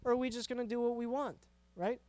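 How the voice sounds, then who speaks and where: High-voiced young-sounding pastor preaching casually. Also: male voice, fairly even intonation, fast talker, a little mellow, clear, resonant tone, no echo. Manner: conversational, repeats words, frequent "right?" tag questions. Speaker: youth pastor. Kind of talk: casual youth sermon.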